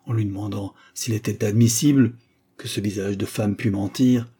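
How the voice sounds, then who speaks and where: A man narrating a classic short story in a measured, literary reading. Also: fairly low pitch, fairly even intonation, dark tone, slightly rough. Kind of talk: audiobook narration of classic fiction.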